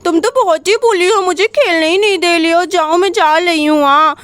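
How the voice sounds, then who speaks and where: A woman's voice: very high-pitched, normal speed, fairly bright tone, dry recording. A woman voicing a sulky young girl doll who complains in a whiny way.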